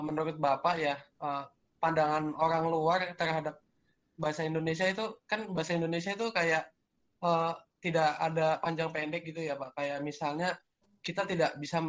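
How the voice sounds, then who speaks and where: A male university student asks a question in class, hedging politely and filling pauses with hesitant sounds. His voice sits a little higher than average for a man. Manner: hesitant, polite, many fillers.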